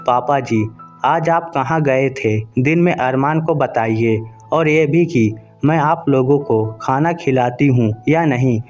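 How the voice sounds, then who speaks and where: A man voicing a young wife who speaks calmly and firmly. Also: medium pitch, slow pace, soft background music, lightly acted. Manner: calm, then firm. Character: calm, firm young wife.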